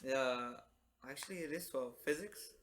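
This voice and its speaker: A man's voice: mid-range voice, normal speed, fairly bright tone, slight background noise. A young man co-hosting a casual podcast, throwing in teasing jokes. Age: young adult. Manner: teasing, jokey interjections. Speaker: podcast co-host. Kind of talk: casual chat.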